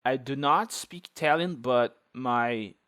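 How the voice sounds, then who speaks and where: Slow-paced and fairly bright in tone, this medium-pitched male host talks through a screen recording for a tech video. Portuguese is his native language, so his English has a Brazilian accent, and he muses aloud with plenty of filler words.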